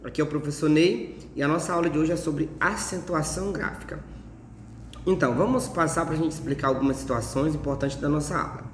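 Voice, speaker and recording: A Brazilian male teacher explains things patiently, circling back with plenty of fillers. His voice sits a little high. The room rings with echo and a long tail, and faint noise hums underneath. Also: fairly quick. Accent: Brazilian Portuguese. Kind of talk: informal classroom lesson. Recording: echoey room with long reverb.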